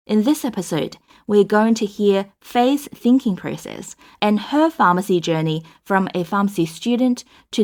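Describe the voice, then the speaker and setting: Woman, podcast host, mid pitch, upbeat, formal, scripted. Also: darkish tone. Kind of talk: scripted introduction and interview questions.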